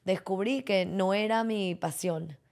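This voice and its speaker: A woman's voice: mid-range voice, measured pace, creaky, darkish tone. A woman from Venezuela who works as a yoga instructor, chatting easily about her life as a podcast guest. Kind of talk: casual interview chat.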